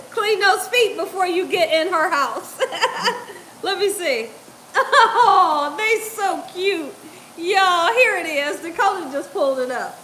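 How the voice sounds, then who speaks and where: A middle-aged woman chats on a home-kitchen livestream, speaking very slowly in a very high voice. She laughs often and drawls her words out. She talks into a lapel mic, with faint room noise behind her. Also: pushed and bright. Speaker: cooking channel host reading live chat. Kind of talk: casual livestream chat.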